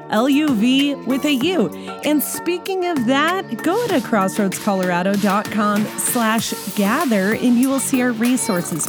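An American woman giving a scripted podcast introduction and announcements as host. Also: fairly high pitch. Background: music.

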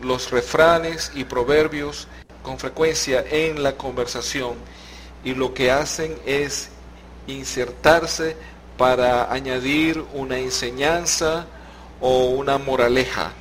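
A man's voice: mid-range voice, fairly even intonation, takes it slowly, slight background noise. A Venezuelan man hosting a podcast, explaining expressions patiently with examples and easy laughter. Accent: Venezuelan Spanish. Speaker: podcast host. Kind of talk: slow explanatory podcast chat.

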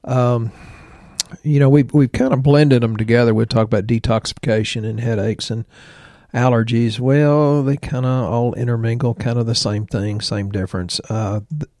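Gravelly man in his sixties, rambling. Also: medium pitch, steady tone, normal speed, darkish tone, dry recording, clean studio sound. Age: 60s. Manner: rambling, joking asides. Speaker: podcast co-host, health practitioner. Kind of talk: casual health podcast chat.

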